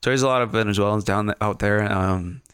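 A man's voice: fairly low pitch, quick pace, fairly bright tone, smooth, dry recording, studio quality. A young man, a guest on a casual podcast, rambling with repeated words and easy laughs.

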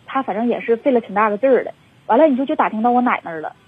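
Upset Northeastern Mandarin woman caller, 20s, husky, fast, rambling, on the phone. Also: on the high side, expressive, no echo. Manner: rambling, many fillers, upset. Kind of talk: phone-in confession. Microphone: telephone. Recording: tinny dry phone line.

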